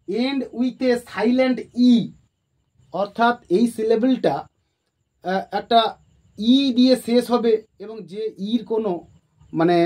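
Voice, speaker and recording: A grammar teacher works through a lesson at a board at an unhurried, deliberate pace. Definitions are dictated slowly word by word and then explained. Key terms are repeated with patience. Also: mid-range voice, mellow.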